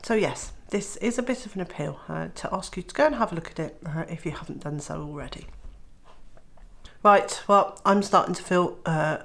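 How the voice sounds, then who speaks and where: Here a homesteading vlogger from Wales talks casually to camera despite a cold that leaves her nasal and throaty. Her lowish voice has vocal fry and a bit of brightness at a normal speed, with frequent "uh" fillers and slight background noise.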